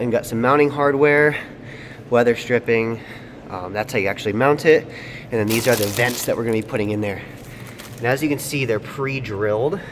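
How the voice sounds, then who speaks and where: Upbeat male vlogger, casual slangy delivery, garage recording with clear background noise and shifting mic distance. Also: mid-range voice. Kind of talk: casual product review and install walkthrough.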